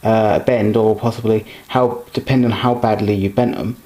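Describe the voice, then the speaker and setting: A man's voice: fairly low pitch, fairly even intonation, moderate pace, warm tone. A man casually talking through an unboxing of model trains, rambling and correcting himself as he handles the pieces. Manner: rambling, self-correcting, talks while handling items.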